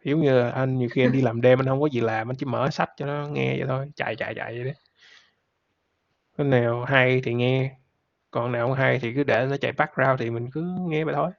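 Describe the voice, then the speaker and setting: A laid-back man, chatting casually on a podcast in a gravelly voice with a bit of vocal fry. He rambles easily and laughs often. The recording sounds somewhat dull and lo-fi. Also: medium pitch, steady tone, brisk. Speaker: podcast host. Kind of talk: casual chat.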